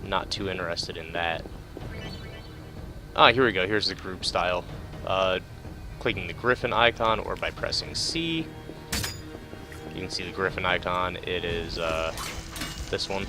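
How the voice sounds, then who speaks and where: A man narrates his video game playthrough casually over the game's music, rambling and hesitant, occasionally reading out tips. He speaks low and unhurried, leaving long pauses.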